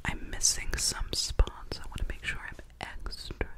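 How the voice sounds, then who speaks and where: A woman performs a whispered role-play in pure, breathy whisper with no voiced tone. She stays very close to the microphone, and wet mouth sounds come through. Her delivery is playful, with words repeated over and over as ASMR triggers. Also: a little slow. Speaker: ASMR creator. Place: small living room, indoors. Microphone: desktop condenser microphone, very close.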